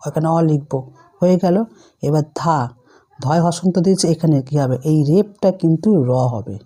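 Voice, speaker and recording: Her voice sits low, with a dark tone and a breathy edge. She is a primary school teacher giving an online lesson, guiding young pupils patiently through each step and questioning them as she goes.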